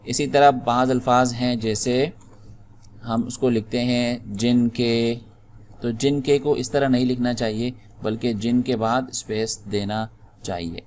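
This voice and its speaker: A man's voice: mid-range voice, fairly even intonation, darkish tone, slight background noise. A man teaching typing in a screen-recorded tutorial, patiently explaining step by step and spelling out the keys one at a time. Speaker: typing instructor.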